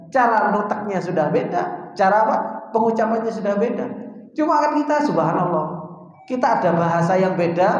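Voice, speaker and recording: A man with a Javanese accent teaching a Quran commentary lesson, often asking rhetorical questions with a sharp upward jump and calling the listeners "Pak". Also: high-pitched, dull audio. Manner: addresses listeners as "Pak", mixes in Arabic recitation. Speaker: Islamic teacher. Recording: very echoey hall with long reverb.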